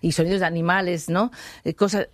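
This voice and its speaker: Lowish dry-voiced woman, reflective interview talk. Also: steady tone, fairly quick, no room sound. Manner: thoughtful, trails off with many fillers and "¿no?". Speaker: guest, voice and free singing teacher. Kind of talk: relaxed interview answers.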